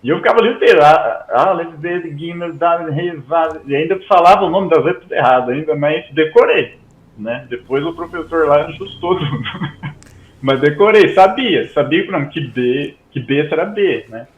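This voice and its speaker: A man's voice: fairly high pitch, expressive, normal speed, reverberant, dull audio. A Brazilian man, a Hebrew teacher, chatting as a guest and ending almost every sentence with a questioning tag. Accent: Brazilian Portuguese. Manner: tags most sentences with "né?". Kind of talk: casual interview chat.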